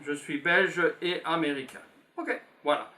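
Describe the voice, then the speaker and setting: A pushed, bright voice pitched a little high belongs to a Belgian man in his fifties teaching French to beginners. He works slowly and patiently, repeating simple phrases as he writes them out during the classroom lesson.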